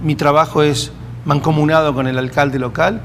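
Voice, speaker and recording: A man whose first language is Hebrew, speaking as a community-building expert, thoughtful and pausing with fillers. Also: fairly high pitch, fairly even intonation, a bit bright, a little hiss or hum. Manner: thoughtful, hesitant fillers, practical examples. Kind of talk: reflective interview answers.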